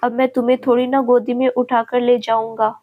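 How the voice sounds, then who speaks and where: A woman's voice: fairly high pitch, little pitch movement, fairly quick, phone-quality sound, close to an everyday voice. A woman voicing a stern, impatient young male CEO in a storybook reading, talking in a bossy, scolding way.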